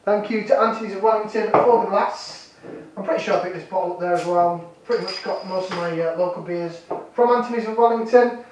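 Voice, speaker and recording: A beer reviewer from Yorkshire, England, chats his way through a casual vlog review in an echoey room, his voice sitting high and fairly quick. He is jokey and self-deprecating, and the mic is placed at a distance.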